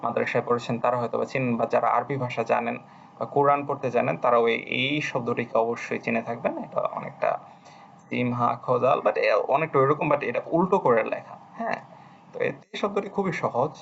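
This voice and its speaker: A man's voice: medium pitch, brisk, creaky, lo-fi sound, a little hiss or hum. A man teaching a language lesson on a screen recording, patiently repeating phrases as he writes out each stroke. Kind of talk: screen-recorded lesson, writing while explaining.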